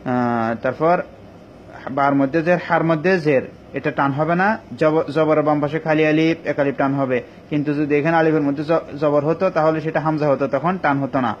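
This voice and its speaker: A male teacher giving an online Quran recitation lesson, explaining each rule patiently and step by step with many pauses. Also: fairly high pitch, steady tone. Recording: dull lo-fi recording with faint ambient noise.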